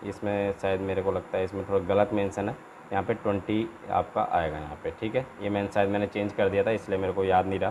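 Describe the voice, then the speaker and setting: An export-import trainer with an Indian accent walks through an informal step-by-step tutorial, repeating himself and often checking in with short tags. His voice is on the low side and darkish, and the lo-fi recording carries noticeable background noise.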